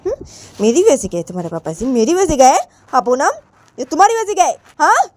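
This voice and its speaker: A woman's voice: high-pitched, huge pitch swings, a little fast, a little mellow, no room sound, voice pushed up. A woman voicing a bossy middle-aged mother who nags, gives orders and repeats her threats in a storybook tale. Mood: scolding.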